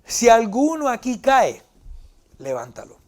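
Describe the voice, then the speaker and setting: A male pastor preaches in a fairly high voice to his congregation. He keeps the sermon light and joking and slips easily into English phrases. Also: wildly swooping pitch, unhurried. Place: church before a congregation.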